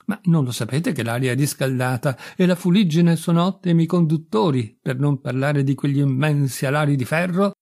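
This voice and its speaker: A man reading an audiobook and voicing an alarmed, commanding male lightning-rod salesman with a gravelly voice. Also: on the high side, moderate pace, hardly any pauses, darkish tone.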